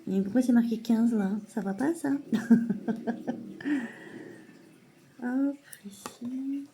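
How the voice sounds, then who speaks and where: A woman showing a parcel in a casual vlog at home, hesitant with many fillers and softly gushing. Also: fairly high pitch, drawn-out words. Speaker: mother unboxing a parcel of saving challenges. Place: at home at a table.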